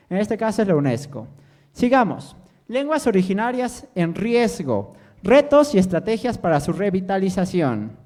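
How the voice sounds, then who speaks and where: Animated man lecturing. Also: high-pitched. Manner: quizzes the audience with constant "¿sí?" and jokes. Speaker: language teacher giving a lecture. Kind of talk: interactive lecture to students.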